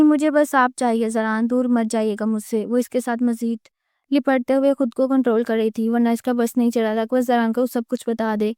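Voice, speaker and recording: A woman narrating a romance novel aloud in a steady, even storytelling manner, close to the mic. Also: on the high side, smooth, no room sound. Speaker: audiobook narrator.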